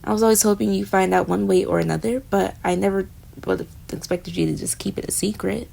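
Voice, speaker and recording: Here a young woman, giddy in mood, takes the part of a jealous and flustered roommate in romantic audio roleplay. She speaks quickly in a creaky, mid-range voice, addressing the listener directly and tapering into murmurs.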